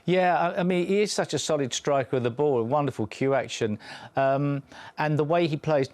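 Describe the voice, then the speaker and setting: A man's voice: mid-range voice, darkish tone. A man giving conversational snooker analysis as a pundit, thinking aloud in a rambling, hedging way.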